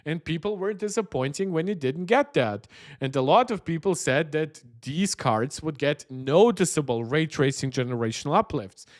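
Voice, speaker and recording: Speaking at a moderate pace in a fairly high, animated voice, this tech channel host chats with his livestream audience and reacts with strong opinions. The sound is clean studio audio without echo.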